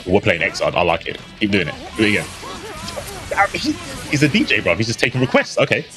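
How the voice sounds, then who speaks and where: Low-voiced man doing playful esports commentary. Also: wildly swooping pitch, fast talker, over music. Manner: playful banter, loose and laughing. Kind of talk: live fighting game commentary.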